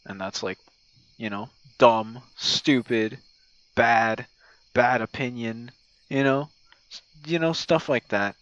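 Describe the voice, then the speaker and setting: Taking his time, a man rambles hesitantly through an informal ASMR-style audio message to a friend as a content creator, with crickets and other night insects audible behind him. His pitch is medium and his tone a bit bright. The audio has no echo but sounds dull.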